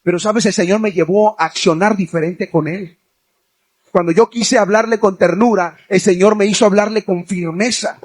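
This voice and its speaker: A male evangelist preaching a sermon, speaking straight to young listeners and building to forceful, near-shouted exhortation. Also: high-pitched, steady tone, moderate pace. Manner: addresses listeners directly as young people.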